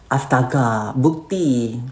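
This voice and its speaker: A woman with a Malaysian Malay accent, an influencer hosting a live stream, reads viewer comments and answers them bluntly, slipping English words into her speech. Her bass voice is extremely slow and a little mellow, recorded in a roomy, echoey room.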